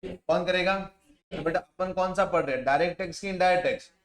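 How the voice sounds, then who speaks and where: A man teaching a tax class, firing the same questions at his students again and again. His voice sits a little high, and the classroom around him rings with echo. He often drops to a soft, low tone for asides. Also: fairly quick. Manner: quizzes students with repeated questions. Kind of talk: classroom lecture. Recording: echoey room.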